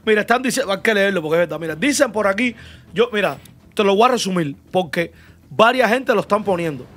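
A man hosts in a notably high voice. He relays audience questions with careful politeness and gently probes his guests. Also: expressive, fast. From Cuba. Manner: reads viewer questions, polite and probing. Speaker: host. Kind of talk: casual interview.

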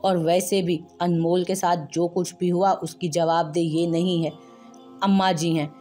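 A woman's voice: fairly low pitch, flat delivery, a little slow, dark tone, faint music behind. A woman voicing a firm middle-aged mother-in-law in a storybook reading, reasoning with authority.

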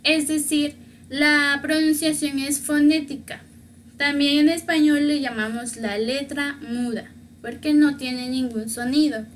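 A woman from Mexico, teaching a beginner language lesson, patiently repeating words slowly to model their pronunciation. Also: high voice, fairly even intonation, slight background noise. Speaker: Spanish teacher.

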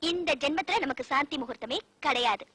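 கண்டிப்பான புது மணப்பெண். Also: female voice, sits high, fairly quick, pushed and bright. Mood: firm. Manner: firm, scolding. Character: stubborn, scolding young bride. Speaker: bride.

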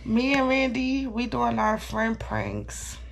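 A woman's voice: a little high, very animated, takes it slowly, creaky. A woman vlogger chatting casually through a prank, laughing constantly between words. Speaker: YouTube vlogger. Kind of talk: casual prank vlog chat.

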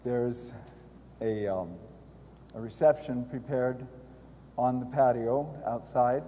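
An older man, a priest, gently addressing mourners in an informal way inside a large church. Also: medium pitch, slow, a little hiss or hum. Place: large church, standing by the altar. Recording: reverberant church hall.

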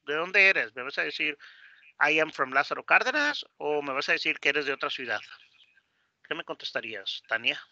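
A man's voice: fairly high pitch, moderate pace, vocal fry, bright, forceful tone, dry recording, muffled recording. A man teaching a basic English class online, explaining in Spanish with English examples and lots of fillers and tag questions.

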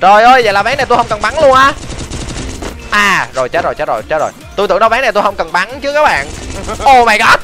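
Man, game streamer, high voice, rapid excitable talk, game music underneath. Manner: fast, excitable, exclaims often. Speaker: gaming streamer.

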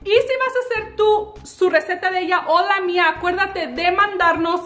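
Woman in her 30s, cooking vlog host, chatty upbeat delivery, very high pitch, soft music under. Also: normal speed. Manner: chatty, upbeat, addresses viewers directly. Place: home kitchen.

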